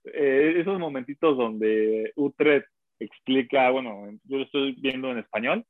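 A man's voice: mid-range voice, unhurried, dry recording. A man, co-hosting a casual chat and joking around with silly impressions. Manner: jokey, laughing, does silly impressions. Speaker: podcast co-host. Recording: tinny phone-like line.

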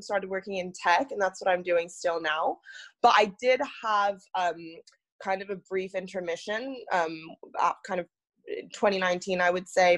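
A young woman from Singapore, a podcast guest, telling her story in a thoughtful, casual way. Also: mid-range voice. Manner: thoughtful, many fillers and restarts.

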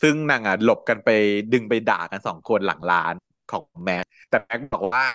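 A man's voice: fairly low pitch, brisk, dry recording. Thai man chatting casually, very dry sound. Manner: animated retelling, acting out quoted lines, frequent laughs. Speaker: podcast co-host recapping a drama episode. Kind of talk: casual chat recap.

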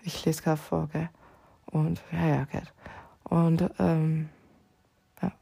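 Slow, husky-voiced woman musing aloud. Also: sits low, monotone. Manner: drifting, dreamy, thinks aloud, often drops to a soft whisper. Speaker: vlogger. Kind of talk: rambling casual monologue.

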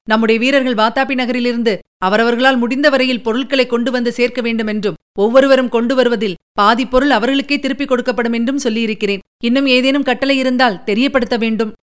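A woman's voice: on the high side, steady tone, quick pace, smooth, lightly acted. A woman voicing an earnest male army general in an audiobook, delivering pressing reports. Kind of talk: audiobook character reading.

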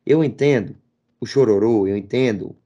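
A man's voice: mid-range voice, normal speed, warm tone, muffled recording. A man, co-hosting a football debate show, mocking his opponent with repeated teasing. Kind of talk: heated sports debate.

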